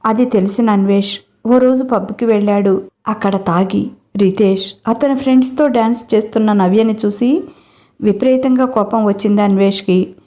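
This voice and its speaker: A woman storyteller reading a dramatic audiobook story with steady, dramatic narration. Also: medium pitch, moderate pace.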